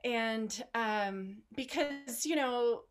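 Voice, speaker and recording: A woman's voice: on the high side, very slow. Chatty woman rambling with fillers. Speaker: online art studio host. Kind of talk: casual chat to an online group.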